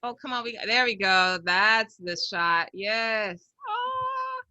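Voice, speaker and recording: A woman in her thirties hosts a casual online interview. Her voice is bright and forward, at a middle pitch, with very little room sound. She talks effusively and encourages her guest. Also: slow pace, clear, resonant tone, dry recording, muffled recording. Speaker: show host, interviewer. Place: home room with bookshelves. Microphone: computer on a video call.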